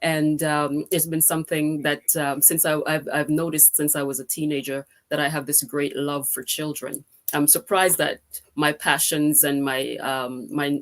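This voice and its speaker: A middle-aged woman from Jamaica speaking as a guest on an online forum over a video call, grateful and chatty with many fillers. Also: low voice. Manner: warm, grateful, with frequent fillers.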